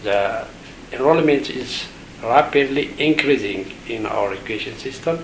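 A man's voice: medium pitch, a little hiss or hum. Hesitant man in an echoey room. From Ethiopia. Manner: hesitant, many pauses and fillers. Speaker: education official, interview guest. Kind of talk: halting interview answers.

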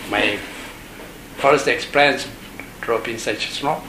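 A man from Ethiopia, an education official, giving halting interview answers with many pauses and fillers. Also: mid-range voice, roomy sound, background noise.

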